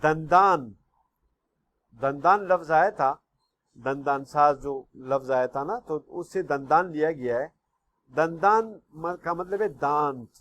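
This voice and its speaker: A man's voice: fairly high pitch, a bit bright. A man teaching a recorded online class to young pupils, patiently repeating words and often checking if they follow. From Pakistan. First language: Pashto. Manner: patient, repeats words slowly, keeps asking "okay?". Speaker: school teacher.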